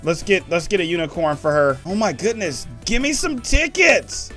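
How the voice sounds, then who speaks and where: A young man hosting casual game commentary, excitable and joking as he talks to viewers while he plays. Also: high voice, normal speed, faint music behind. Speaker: gaming channel host.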